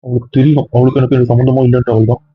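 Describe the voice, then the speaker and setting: A man playing a headstrong young husband in an amateur audio drama, insistent and protective, with a husky voice. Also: mid-range voice, rapid-fire, dry recording, natural voice. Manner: insistent, keeps ending points with a flat final word. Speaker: husband character. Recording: tinny phone-like dry recording.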